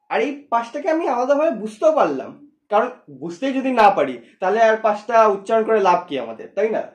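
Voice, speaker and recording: A physics teacher works through a lesson one step at a time. Points get repeated, and each one ends in a quick rhetorical check. The mid-pitched voice rings in a roomy, echoing space. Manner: explains step by step, repeating and asking rhetorical questions. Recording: echoey room.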